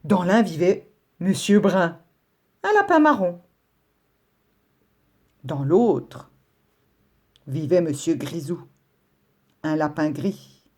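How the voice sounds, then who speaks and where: A woman teacher reading a children's story aloud with an expressive storytelling delivery. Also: fairly low pitch, slow pace, long pauses.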